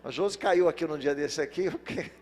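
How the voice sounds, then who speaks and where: A male pastor giving a sermon, telling funny personal stories and speaking straight to the congregation in a lively way. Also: a little high, a little fast. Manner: lively storytelling, addresses the congregation directly. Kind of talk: sermon with humorous personal anecdotes. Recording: long church-hall reverb with faint music.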